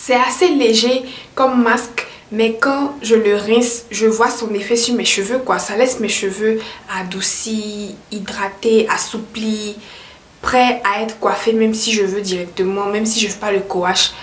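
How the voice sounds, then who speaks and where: A woman's voice: medium pitch, steady tone, a little slow. A woman chatting casually as a hair care vlogger, upbeat and repeating herself, her voice carrying a heavy echo. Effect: heavy echo around the voice. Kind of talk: casual product review. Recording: echoey room, voice far from mic.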